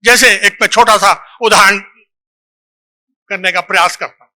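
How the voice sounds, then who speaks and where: A man's voice: high voice, steady tone, unhurried, bright, forceful tone. A man giving a lecture to a live audience as a seminar speaker, reciting verse and quizzing listeners with short questions. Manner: recites lines of verse from a book.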